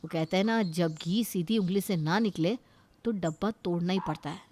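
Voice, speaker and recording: A woman's voice: lowish voice, moderate pace, warm tone, lightly acted. A woman voicing a protective, indignant young brother in a cartoon story. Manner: indignant, pleading, argumentative.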